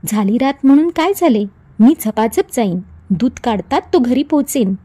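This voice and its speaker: A woman's voice: fairly high pitch, lively intonation, normal speed, mellow. A woman voicing a stubborn, fearless middle-aged man in a storybook reading, brusque and dismissive.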